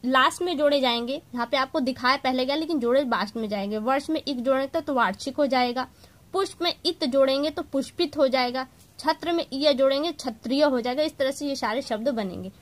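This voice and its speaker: A woman's voice: high-pitched, a little fast, fairly bright tone. A woman teacher giving an exam-prep grammar lesson, explaining patiently and reading word lists aloud to her viewers.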